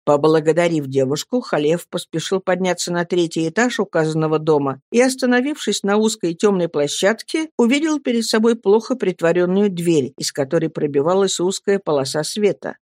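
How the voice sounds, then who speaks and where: Female audiobook narrator, lowish and steady; dry booth recording. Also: fairly quick, few pauses, no echo. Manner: even, storytelling reading. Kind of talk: scripted narration.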